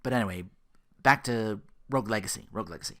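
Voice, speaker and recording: With a fairly low but bright-toned voice, this man talks fast while hosting his gaming podcast. He rambles casually in slang and often performs imaginary quotes.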